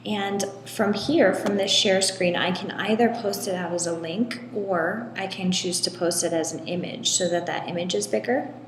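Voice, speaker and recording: A woman giving a step-by-step screen tutorial in an echoey room with long reverb, talking in a relaxed way with frequent ums. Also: medium pitch, moderate pace, few pauses, a little hiss or hum. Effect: echoey room with long hall-like reverb. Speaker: tutorial presenter.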